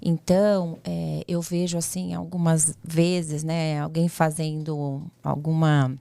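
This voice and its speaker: A woman's voice: low-pitched, little pitch movement, slow pace, creaky, warm tone, no room sound. A woman, a mother, speaking as a guest in a casual chat, telling stories firmly and quoting herself and her kids. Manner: storytelling, firm, quotes herself and her kids.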